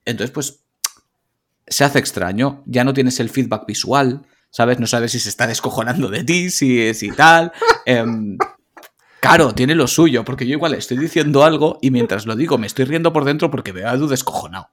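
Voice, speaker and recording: Animated Spanish man on a podcast. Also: mid-range voice, moderate pace, a little hiss or hum. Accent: Spanish (Spain). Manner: animated, swearing, long rambling stories. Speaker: podcast co-host. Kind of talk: casual chat.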